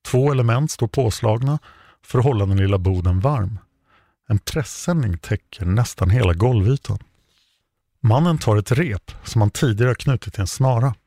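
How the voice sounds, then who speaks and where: A man with a low, gravelly voice narrates a true crime story. His reading is steady and measured, recorded close and dry with no room sound. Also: no echo.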